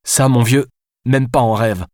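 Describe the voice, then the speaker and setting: A man's voice: mid-range voice, steady tone, a little slow, a little mellow, dry recording, clean studio sound, pitched above the performer's own voice, natural voice. A man voicing a sarcastic young Frenchwoman on the run in an audiobook, firing off biting retorts. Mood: exasperated. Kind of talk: audiobook character voice.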